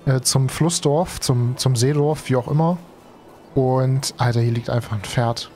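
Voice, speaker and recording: A young German gaming streamer with a cold, sounding tired, talks through a let's play from his home streaming room on a headset mic. His medium-pitched, darkish voice moves at a measured pace over soft background music, chatty and slangy, thinking aloud with lots of fillers.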